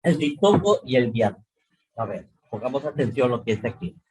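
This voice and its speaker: A middle-aged man teaching a class over a video call, explaining slowly, repeating points and checking often that students follow. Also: mid-range voice, very animated, darkish tone, slightly rough, poor audio. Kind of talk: online class lecture.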